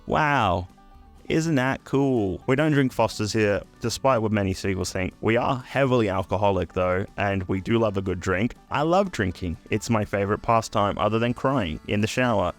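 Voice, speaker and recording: A man's voice: lowish voice, moderate pace, faint music behind. A man in his twenties, from the UK and raised in Australia, chatting in a crude, sarcastic comedic vlog. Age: 20s. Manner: crude, sarcastic, swears freely. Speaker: YouTuber.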